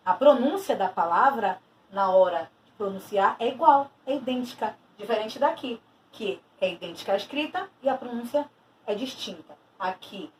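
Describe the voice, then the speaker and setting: A woman teacher giving a recorded lesson, explaining patiently and stressing key terms as she repeats them. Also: fairly high pitch. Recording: distant mic with faint noise.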